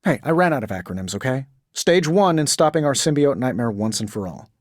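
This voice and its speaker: A man's voice: mid-range voice, very animated, a little fast, dry recording, studio quality, close to an everyday voice. A man playing a wisecracking, cocky genius inventor superhero in a video game, talking in a glib, sarcastic, conversational way. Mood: wry, breezy. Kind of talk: video game character voice lines.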